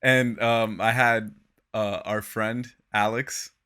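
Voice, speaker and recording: A man's voice: fairly low pitch, fairly even intonation, takes it slowly, bright, forceful tone, clear, resonant tone. A young man co-hosting a podcast in casual chat, laid-back and slangy, laughing often and trailing off. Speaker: podcast co-host.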